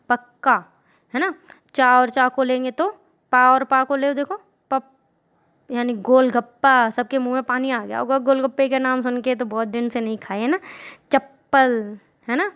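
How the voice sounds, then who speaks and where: A woman's voice: high-pitched, fairly bright tone, clean tone. A young woman teaching a grammar lesson, repeating examples and often asking the class questions to check they follow. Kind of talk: explaining a Hindi grammar lesson.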